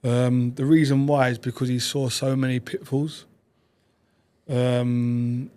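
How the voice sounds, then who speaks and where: A man, a podcast guest telling stories about his past in quick, animated bursts. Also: mid-range voice. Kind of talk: reflective conversational storytelling.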